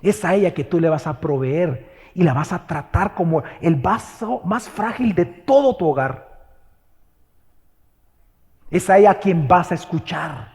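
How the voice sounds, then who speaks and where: A man's voice: on the high side, lively intonation, unhurried, long pauses, a little mellow, long reverb tail. A male pastor preaching a sermon in a church, questioning the congregation and driving his points home with emphasis. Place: church sanctuary.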